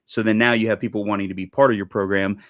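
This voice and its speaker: A man's voice: on the low side, fairly even intonation, quick pace, a bit bright, no echo, clean studio sound. A man co-hosting a sports podcast, chatting casually and rambling with lots of fillers. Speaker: podcast co-host. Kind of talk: casual chat.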